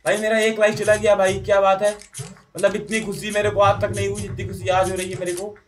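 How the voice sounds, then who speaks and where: Excitable high-voiced gaming commentator. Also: male voice, quick pace. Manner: excitable, jokey, yelps and protests when he dies. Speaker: gaming YouTuber. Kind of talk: Hindi gameplay commentary.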